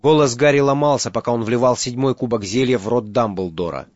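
A man reading an audiobook as narrator, in steady dramatic storytelling. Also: mid-range voice, fairly quick, no room sound, muffled recording. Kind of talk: scripted narration.

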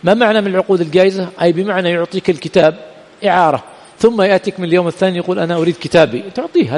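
Fast-talking sheikh lecturing in a reverberant hall. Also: male voice, high voice, darkish tone. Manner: keeps asking "what?" and filling in the answer himself. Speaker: sheikh teaching Islamic jurisprudence. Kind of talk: lecture with call-and-response questions. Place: teaching center hall.

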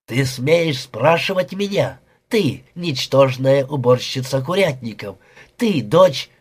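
A man's voice: mid-range voice, expressive, takes it slowly, slightly rough. A man voicing a young jealous husband who sneers, insults and flies into rages, read aloud in an audiobook. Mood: furious. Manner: sneering, explosive.

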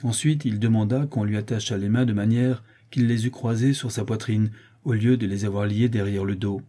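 A man reading a classic short story aloud as an audiobook narrator, in measured storytelling that shifts into the characters' dialogue. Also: on the low side, fairly even intonation, dark tone.

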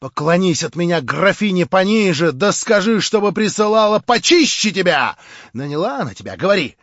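A man doing a shrill, scornful madwoman. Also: big pitch swings, normal speed, a bit bright, no echo, dull audio, full character voice. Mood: shrieking. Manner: shrill, scornful, laughing outbursts. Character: mad lame woman, mocking and shrieking.

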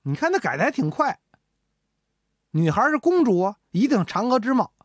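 A woman's voice: a little high, big pitch swings, moderate pace, no room sound, clean studio sound. A woman telling a traditional comic story, with chatty asides to her listeners.

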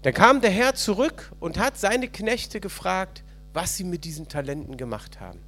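A man preaching a sermon at a church service, retelling a parable with animated storytelling and questions to the congregation. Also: high voice, moderate pace, a little hiss or hum. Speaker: pastor.

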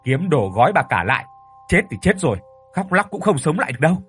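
A man playing a cruel, frightened old landowner who shouts in a horror story. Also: fairly high pitch, very animated, quick pace, soft background music, pitched above the performer's own voice. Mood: harsh. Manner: shouting, panicked.

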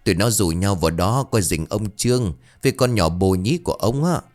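A man's voice: on the low side, expressive, normal speed, darkish tone, natural voice. A man voicing a gossipy village woman neighbor, chatty and confiding. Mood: gossiping.

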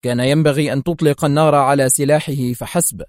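A man reading the lines of a cool, stern male secret agent in an audiobook, calm and measured. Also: medium pitch, no room sound, studio quality, lightly acted.

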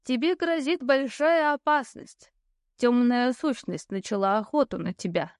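A woman puts on a sly old ghost lady from an audiobook, a cigar-smoking fortune teller who drawls slowly and mocks. The voice sits fairly high and the recording is dry and close. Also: no room sound, lightly acted. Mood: ominous. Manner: languid, drawling, mocking. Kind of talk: audiobook character voice.

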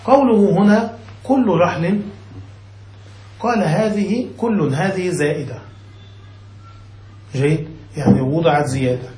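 A man's voice: sits high, a little slow, long pauses, warm tone, echoey room, rough recording. A man, a sheikh, teaching a classical grammar text, reading a passage and then explaining it, often checking whether his students follow.

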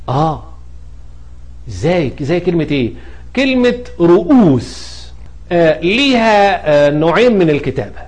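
Here the Egyptian-accented teacher, his male voice a little high, walks through spelling rules as an explanatory grammar lesson. Step by step, he raises questions and then answers them on his own.

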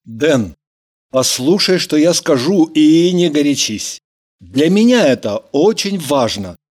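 Woman voicing a slow, terse, jealous young man; gruff short replies. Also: low voice, big pitch swings, a little mellow, pitched below the performer's own voice, full character voice. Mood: earnest.

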